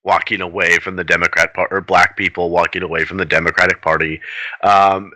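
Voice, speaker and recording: Low-voiced rambling man co-host. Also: flat delivery, a little fast, pushed and bright, no room sound, rough recording. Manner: rambling, restarts, earnest. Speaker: podcast co-host. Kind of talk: casual political chat.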